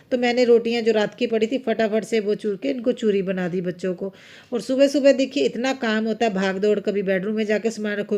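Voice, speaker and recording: A woman's voice: on the high side, a little mellow. A woman in her thirties with a Punjabi-influenced accent, chatting through her home routine in a rambling, homely vlog voice-over. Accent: Punjabi-influenced Hindi. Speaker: homemaker vlogger. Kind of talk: casual voice-over vlog narration.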